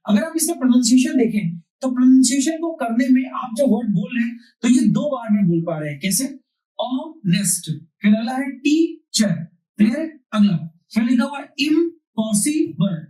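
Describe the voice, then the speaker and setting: A man's voice: very high-pitched, warm tone. A man teaching a grammar class. He repeats key points and asks questions that he then answers himself. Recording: roomy, distant mic.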